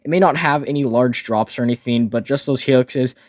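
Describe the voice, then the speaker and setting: A man's voice: mid-range voice, fairly quick, no room sound. Man giving dry, close-sounding ride commentary. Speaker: narrator reviewing amusement park rides. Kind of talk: casual scripted-style voice-over commentary.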